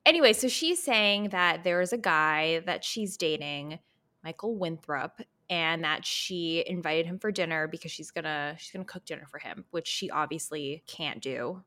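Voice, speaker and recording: A woman hosting a podcast, chatting casually and laughing often, sometimes mimicking characters in a high breathy voice. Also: moderate pace, bright, forceful tone. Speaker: podcast host. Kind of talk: casual chat.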